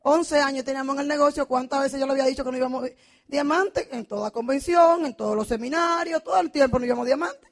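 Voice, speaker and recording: A woman's voice: sits high, quick pace. A middle-aged woman telling an emotional testimonial, dramatic and passionate, acting out quoted dialogue. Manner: passionate, dramatic storytelling with vivid quoted dialogue and frequent shouting. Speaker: motivational speaker at a business convention.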